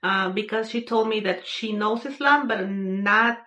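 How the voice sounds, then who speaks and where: A young woman from Peru speaks English, her voice sitting at an ordinary middle pitch. She tells her own story in an earnest, unhurried way, pausing often on fillers and restarting her sentences. The recording sounds a little dull and lo-fi. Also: bright, forceful tone. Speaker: vlogger sharing a personal story. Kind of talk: casual personal testimony.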